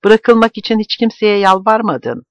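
A man voicing an agitated middle-aged man who shouts and pleads with a friend. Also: high-pitched, moderate pace, no echo, voice pushed up, close to an everyday voice. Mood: urgent. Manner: shouting, trembling with anger.

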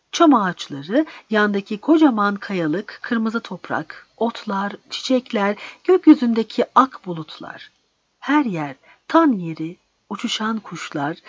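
A woman narrating a story in a slow, measured reading. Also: mid-range voice, slightly rough, dry recording. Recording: dry, slightly dull recording.

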